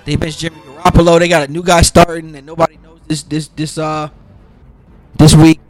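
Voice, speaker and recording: This casual solo podcaster makes football picks in a raspy, tired voice that's slightly high for a man and a bit sick-sounding. Fairly quick and level in tone, he rambles, restarts lines, and fills pauses with ums, while faint music runs underneath.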